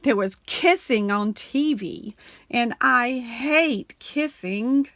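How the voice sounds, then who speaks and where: With studio quality and no echo, a woman reads a children's picture book in a lively storytelling manner. On the repeated refrain she slows down and drops her voice low.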